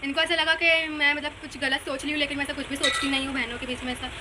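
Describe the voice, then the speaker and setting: A young woman calmly explaining her side in a casual family vlog chat. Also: sits high, racing, heavy background noise. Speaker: youngest sister.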